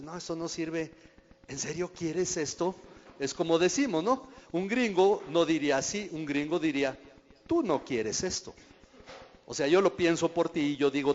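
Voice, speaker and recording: A man, preaching as a pastor in a conversational way and often asking the audience questions. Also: on the high side. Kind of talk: sermon teaching. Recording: dull recording in a reverberant hall.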